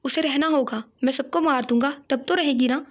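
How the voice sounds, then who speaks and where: A woman voicing a grief-stricken, violent young man with a breathy, half-whispered delivery. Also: sits high, moderate pace, lightly acted. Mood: furious.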